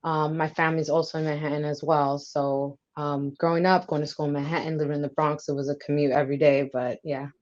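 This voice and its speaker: A woman's voice: low voice, little pitch movement, fairly quick, few pauses, darkish tone, highs cut off. A young woman from New York, a military recruiter, answering interview questions in a friendly, chatty way with many fillers.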